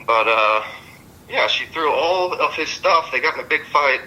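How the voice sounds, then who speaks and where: A man's voice: fairly high pitch, expressive, normal speed, pushed and bright, poor audio. A man being interviewed by police about a friend. He rambles, swears, and sounds agitated.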